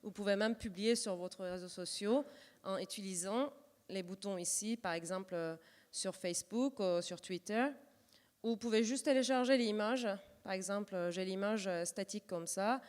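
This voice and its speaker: In a hall with long reverb, a woman presents a live software demo. Her voice is clear and smooth, with a Turkish accent from her native language. She speaks hesitantly, often searching for the next word as she improvises. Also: mid-range voice, normal speed. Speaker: workshop presenter.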